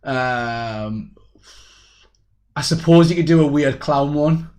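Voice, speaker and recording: A young man hosting a casual online chat, rambling in a relaxed way over a video call. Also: fairly high pitch, slow pace, slight background noise. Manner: rambling, relaxed, reads out viewer comments. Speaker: host.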